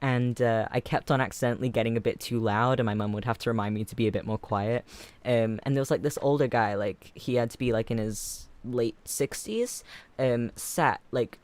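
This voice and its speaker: Young guy hosting a stream; rambling, filler-heavy chat, mid-pitched. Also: no echo. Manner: rambling, filler-heavy, frequent laughs, gets louder and faster. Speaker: livestream host. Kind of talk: casual livestream chat.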